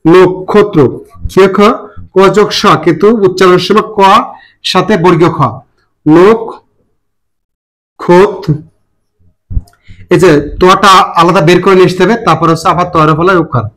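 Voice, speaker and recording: High-pitched guy teaching pronunciation, slow and careful, spells out syllables. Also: fairly even intonation, poor audio. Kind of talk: classroom lesson.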